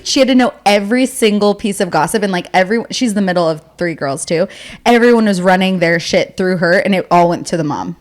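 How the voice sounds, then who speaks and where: A woman co-hosting a podcast, talking in a loose, chatty, teasing way. She swears casually as she banters with her sisters. Her voice sits at an ordinary middle pitch. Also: a little fast. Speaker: podcast co-host. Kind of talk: casual chat.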